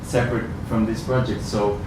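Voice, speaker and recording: A man's voice: fairly low pitch, little pitch movement, moderate pace. A man from Ecuador giving a presentation to an audience, speaking hesitantly with many ums and restarts. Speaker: researcher giving a talk. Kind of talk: presentation at a community event. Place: venue with a live audience. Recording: roomy sound from far off, noisy.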